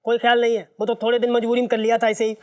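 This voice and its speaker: A high, rapid-fire voice of a hot-headed young man in a sitcom, sick of living in disguise. He whines fast and keeps threatening to make a scene. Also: completely flat delivery, darkish tone, clean tone. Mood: fed up. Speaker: disguised night watchman. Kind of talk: sitcom acting.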